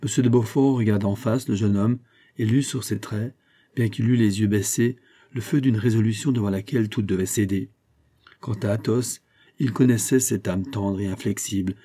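Dark, husky-voiced male audiobook narrator. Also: fairly low pitch, steady tone, normal speed. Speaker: audiobook reader. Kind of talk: scripted narration of a classic novel.

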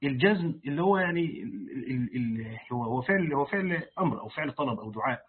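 A man reading a Quran commentary aloud and pausing to explain it in plain colloquial speech, like a sheikh teaching a lesson. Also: mid-range voice, expressive, slightly rough. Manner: reads the text aloud, then breaks off to explain it in colloquial speech. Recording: tinny phone-like lo-fi recording.

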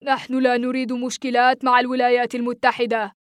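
Woman doing a big breathless soldier man, urgent, reasoning, high voice. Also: completely flat delivery, fast, smooth, no room sound, studio quality, close to an everyday voice. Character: huge male soldier, breathless, pragmatic.

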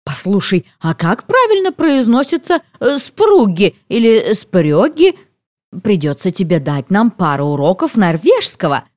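A woman reader voicing a gushing, effusive woman, slow and drawn-out. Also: medium pitch, sing-song, a little mellow, no room sound, studio quality.

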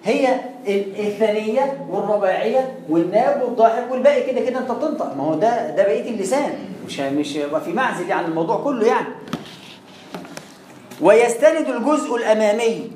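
A man's voice: high voice, lively intonation, racing, few pauses, darkish tone. A man with an Egyptian Arabic accent teaching Quran recitation, demonstrating sounds over and over and asking rhetorical questions. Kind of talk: explanatory classroom lesson. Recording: echoey room with faint noise.

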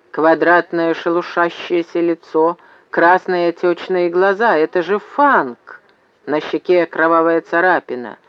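A man reading an audiobook as narrator in a steady storytelling way. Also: fairly high pitch, no room sound. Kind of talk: scripted narration. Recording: slightly muffled dry recording.

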